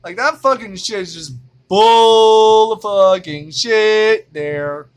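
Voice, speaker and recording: A man's voice: high voice, slow pace, smooth. A man from Indiana ranting in a vlog monologue, exasperated and profane, repeating himself as he goes. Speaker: vlogger.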